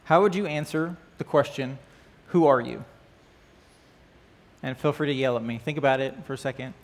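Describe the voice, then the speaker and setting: A man of medium pitch talks at a moderate pace while teaching a church class. The lesson opens with a prayer and takes place indoors on a church stage with band gear. He keeps it casual and conversational, quizzing the class and regularly using "right?" and "uh."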